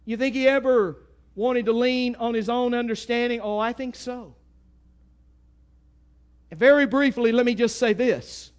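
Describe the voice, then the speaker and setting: A man with an East Texas accent delivers a sermon in a very high voice. He is folksy and emphatic, jumping from loud bursts to quiet asides. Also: unhurried, pauses often, smooth. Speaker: preacher.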